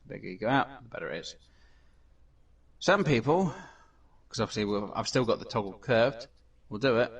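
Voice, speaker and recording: A man's voice: medium pitch, expressive, normal speed, breathy edge, recorded from a distance. A man hosting a casual gameplay commentary, talking in a rambling way with many fillers and restarts. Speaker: gaming channel host.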